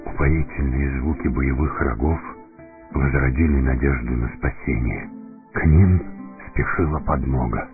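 A man narrating a fantasy story in deliberate, dramatic scripted audiobook style. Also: very deep voice. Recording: narrow phone-like sound, faint music.

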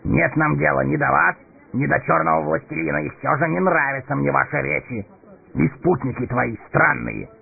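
Éomer, a man putting on a gravelly horse-lord captain. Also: fairly high pitch, steady tone, moderate pace, pitched above the performer's own voice. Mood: proud. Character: proud blunt male horse-lord captain. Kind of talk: audiobook character voice. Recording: tinny narrow-band recording, faint music.

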